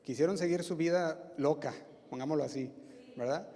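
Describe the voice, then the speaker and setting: A man's voice: a little high, moderate pace, dark tone. A male pastor with a Mexican Spanish accent preaching a sermon, using emphatic repetition and rhetorical questions. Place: church hall. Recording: reverberant church hall.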